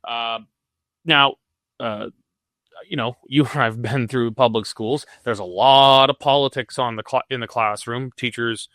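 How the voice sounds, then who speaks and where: A man's voice: medium pitch, fairly even intonation, measured pace, a bit bright, no echo, clean studio sound. A man conducting a news interview, hesitant, with many fillers and restarts.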